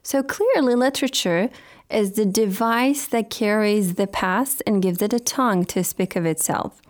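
A woman's voice: mid-range voice, a little slow. A woman presenting a scripted radio talk programme as host, speaking in a formal, earnest and courteous manner.

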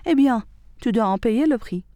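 A stern, wise old male prophet who questions and warns, played by a woman narrating. Her voice stays close to her own, warm and mellow with a lively pitch. The recording is close and dry. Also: normal speed, no room sound, close to an everyday voice.

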